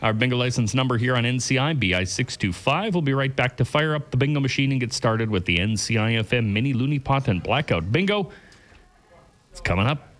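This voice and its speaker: A man working as a bingo caller on the radio, announcing rules and numbers in a deliberate, repetitive announcer's delivery. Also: medium pitch, expressive, fairly bright tone.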